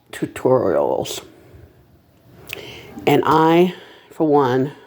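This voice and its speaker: Casting: amateur vlogger, mid-pitched voice, unhurried delivery, casual but nervous, halting and rambling. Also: darkish tone, breathy edge. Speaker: reseller making a first video. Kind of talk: casual vlog monologue.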